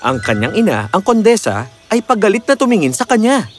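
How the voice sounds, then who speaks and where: A man narrating a children's fairy tale in a slow, expressive storytelling manner. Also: high voice, soft background music.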